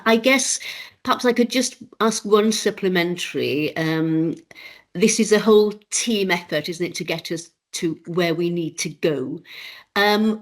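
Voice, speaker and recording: A woman speaking formally as a committee chair, in a measured, hesitant way. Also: on the low side. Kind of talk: formal meeting remarks.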